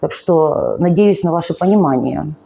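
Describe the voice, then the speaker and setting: Low-pitched, expressive and gravelly, a Ukrainian woman in her 40s narrates her own life in a confessional vlog with the highs cut off. She is weary and speaks with effort, earnest and emotional, slow and halting.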